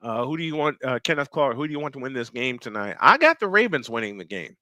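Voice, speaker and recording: Excitable hoarse male play-by-play announcer. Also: medium pitch, fast talker, no echo, clean studio sound. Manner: reads viewer comments aloud between plays, excitable on big runs. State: slightly hoarse, clearing throat. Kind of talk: live play-by-play with viewer chat.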